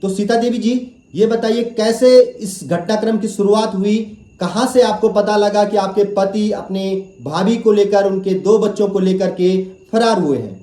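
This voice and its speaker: A male news reporter with a fairly high but dark, mellow voice introduces the story and questions his guest. His delivery is steady, with occasional fillers as he phrases his questions. The room adds a noticeable echo. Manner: steady reporter delivery with fillers, calmly asks her to speak slowly.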